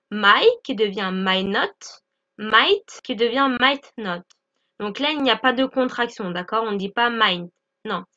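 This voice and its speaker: Bright high-voiced teacher. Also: female voice, highs cut off. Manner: patient, repeats "d'accord?" often. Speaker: English teacher. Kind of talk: explaining lesson over slides.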